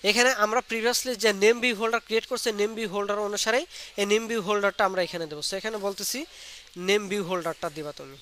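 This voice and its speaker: Bright-voiced man teaching a coding class. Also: high-pitched, fairly even intonation, very fast. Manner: explains step by step, quizzing students with questions. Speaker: programming instructor. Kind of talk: live online coding class. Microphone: computer mic on a video call. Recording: faint background noise.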